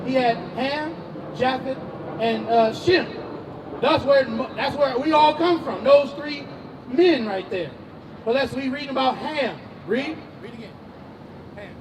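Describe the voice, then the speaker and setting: High-voiced man preaching on the street. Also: expressive, takes it slowly, pauses often, recorded from a distance, low-quality recording. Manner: emphatic, slangy, questioning the crowd. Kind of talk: street preaching, calling on a reader.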